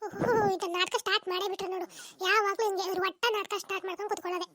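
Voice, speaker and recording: A woman voicing a sharp-tongued young daughter-in-law in a comic cartoon, quick to retort and argue back. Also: very high-pitched, level tone.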